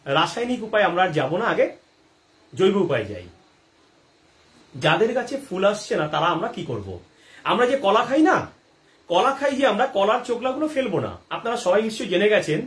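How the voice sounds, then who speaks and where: Viewers' gardening questions get answered live by a man whose voice is high-pitched. He often checks in with the audience and keeps asking himself rhetorical questions as he goes.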